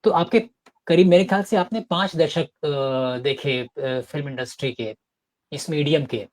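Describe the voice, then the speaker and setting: A man interviewing the guest, framing a long question in a measured way with small hesitations. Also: on the high side, darkish tone.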